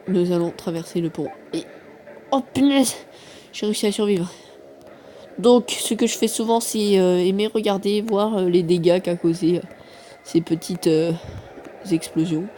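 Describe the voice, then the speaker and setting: This mobile game YouTuber talks over his gameplay in a rambling, self-mocking way, full of fillers. His high voice is a little mellow, and the phone microphone used during screen recording adds a faint hiss or hum.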